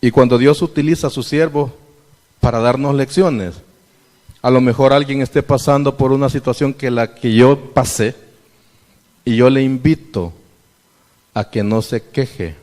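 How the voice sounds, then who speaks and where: A man's voice: medium pitch, steady tone, measured pace, pauses often, a little mellow. Male lay preacher addressing his congregation, reverberant church hall. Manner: preaching with questions to the congregation and scripture readings. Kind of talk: sermon.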